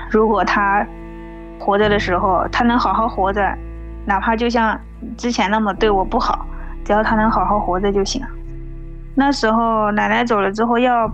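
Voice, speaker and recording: A woman in her thirties from mainland China tells a personal story plainly and unhurriedly, with small restarts. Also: mid-range voice. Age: 30s.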